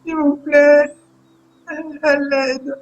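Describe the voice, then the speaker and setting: A man's voice: very high-pitched, level tone, drawn-out words, muffled recording, pitched above the performer's own voice, full character voice. Man doing a frightened caged boy. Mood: scared pleading. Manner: pleading, timid. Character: frightened young boy prisoner in a cage.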